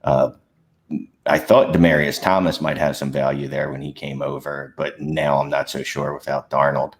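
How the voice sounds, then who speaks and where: A man's voice: very deep voice, level tone, moderate pace, slight background noise. A man on a casual sports show who speaks in a matter-of-fact way. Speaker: podcast panelist.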